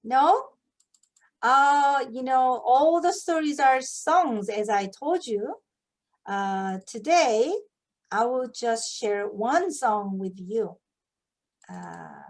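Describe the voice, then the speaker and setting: Female English teacher, lively picture-book reader, unhurried delivery. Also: on the high side. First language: Korean. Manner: lively, asks children questions. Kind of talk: demonstrating a picture-book read-aloud.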